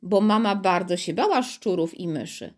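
A woman narrating a children's audiobook in a steady storytelling manner, voicing the dialogue herself. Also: on the low side, normal speed.

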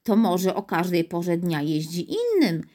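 A woman reading a storybook, voicing an eager young boy who knows it all and loves explaining how things work. His voice stays close to the reader's own, a touch lower, lively in its rise and fall. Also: measured pace. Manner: confident, explaining.

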